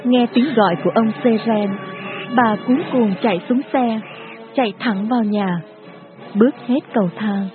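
A woman tells a dramatic story in a steady, grave voice that sits a little high. The sound is thin and phone-like. Music plays clearly underneath her narration. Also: normal speed. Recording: tinny phone-like audio with music behind.

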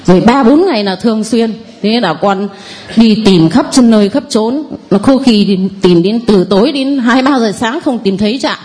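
Speaking to a priest, this fortyish woman offers rambling, anxious spoken testimony in a deferential manner. She has a northern Vietnamese accent and a mid-range voice with a somewhat dark color.

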